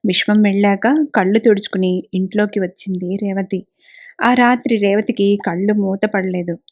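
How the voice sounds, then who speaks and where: A woman narrating a story in a calm, measured way. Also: medium pitch, no echo, studio quality. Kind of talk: audiobook narration.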